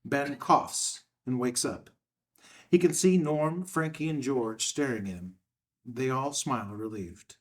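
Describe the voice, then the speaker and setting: Reading stage directions as a narrator, a man with a medium-pitched voice delivers scripted screenplay narration a little slowly. The microphone is placed some distance away from him.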